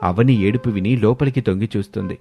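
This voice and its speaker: A man giving a scripted, even narration of a family moral tale. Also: on the low side, brisk, creaky.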